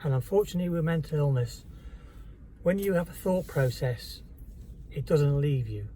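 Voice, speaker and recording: Halting, candid man, mellow voice. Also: on the high side, animated, a little hiss or hum, poor audio. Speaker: vlogger. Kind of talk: personal storytelling to camera.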